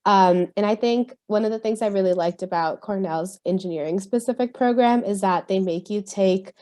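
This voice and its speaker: A woman's voice: medium pitch, moderate pace, warm tone. A woman in her twenties from California, speaking on a video call panel as a student, hesitant with many ums. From California, USA. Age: 20s. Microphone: video call mic.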